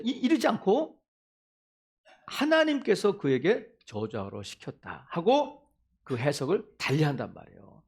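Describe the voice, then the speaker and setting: A male pastor preaching a sermon in an animated way, acting out quotes from scripture. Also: very high-pitched, gravelly, slightly rough.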